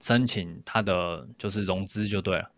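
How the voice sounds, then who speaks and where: A man's voice: low-pitched, normal speed, no echo. A man co-hosting a podcast, explaining things step by step in casual discussion. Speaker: podcast co-host.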